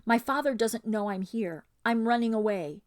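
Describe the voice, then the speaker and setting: A woman's voice: a little high, normal speed, no echo, natural voice. A woman reading aloud and voicing a scared young runaway girl of rank, pleading in urgent, hissed words. The voice sits close and dry. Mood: anxious. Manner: urgent, whispered and hissing.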